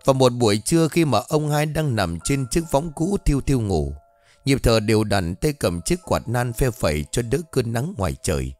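A man narrating a scripted ghost story in an expressive, dramatic reading. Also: medium pitch, normal speed. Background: faint background music.

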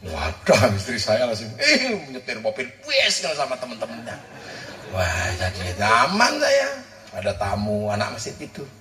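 A male preacher, telling funny stories about family life in a lively, animated way. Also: unhurried. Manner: animated storytelling, jumps high when joking. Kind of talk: humorous religious talk. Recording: echoey, from far off the mic.

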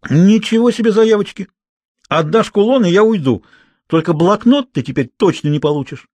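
A man doing a fierce, shrill young girl. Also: lively intonation, drawn-out words, dry recording, full character voice. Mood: indignant.

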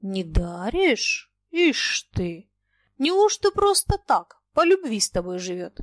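A woman's voice: mid-range voice, very animated, slow pace, dry recording. A woman reading aloud and voicing a cranky old merchant who mocks and shrieks in a dry close sound. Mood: scolding. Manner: wheedling, mocking, shrieking. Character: cranky shrill old merchant man, scolding.

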